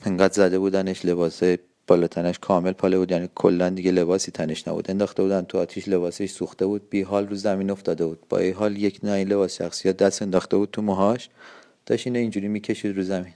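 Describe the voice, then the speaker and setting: A man's voice: deep voice, flat delivery, mellow. A man giving a personal eyewitness account, telling it vividly with tense quoted dialogue.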